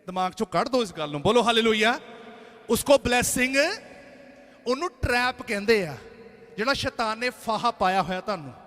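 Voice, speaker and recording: A man with a Punjabi accent preaches to his congregation, slipping between Punjabi and English. His voice sits very high and sounds bright and forceful as he calls out for hallelujahs. The sound carries a long reverb from the church hall. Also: expressive, fairly quick. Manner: loud call-and-response preaching, calling for hallelujahs; mixes Punjabi with English phrases. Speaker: pastor. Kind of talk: energetic Christmas sermon.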